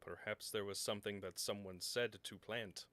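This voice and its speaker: A man narrating a tabletop game as game master, halting and full of ums and self-corrections. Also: lowish voice, fairly even intonation, fairly bright tone, no room sound.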